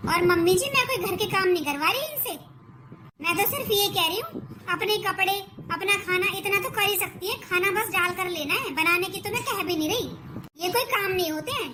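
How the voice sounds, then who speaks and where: Young cartoon daughter-in-law, reasonable and pleading, voiced by a woman; very high pitch, noisy track. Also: a little fast. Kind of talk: cartoon voice acting. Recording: noisy recording.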